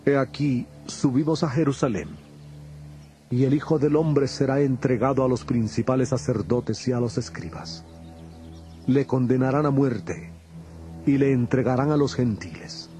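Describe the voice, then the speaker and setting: An actor playing Jesus as a grave, patient teacher in a dramatized audio Bible, speaking in a solemn, measured way. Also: male voice, medium pitch, dark tone, faint music behind, close to an everyday voice. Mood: grave foretelling. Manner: solemn, deliberate, measured delivery.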